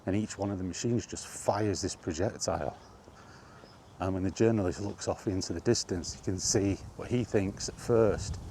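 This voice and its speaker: A low-pitched, mellow-voiced vlogger gives a casual monologue while out walking, rambling, backtracking to correct himself, and becoming exasperated. A little hiss or hum sits in the recording.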